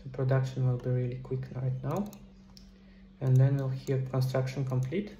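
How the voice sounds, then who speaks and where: A middle-aged man with a warm, medium-pitched voice explains game development steps at normal speed, his intonation barely moving. He's casual, talking into a headset at a computer in a small indoor room for a screen-recorded tutorial, with roomy echo and faint noise in the background.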